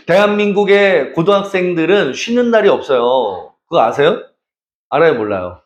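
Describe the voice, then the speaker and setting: Brief: middle-aged male academy teacher, high voice, playful teasing lecture, roomy classroom. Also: big pitch swings, measured pace. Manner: teasing, checks for understanding constantly. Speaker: math and science academy teacher.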